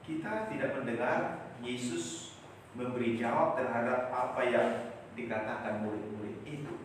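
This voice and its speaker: A male pastor preaching a sermon, swinging from loud acted quotes to soft, quiet lines. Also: medium pitch, fairly even intonation, normal speed, slight background noise. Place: large church. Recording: echoey church hall, voice from far off.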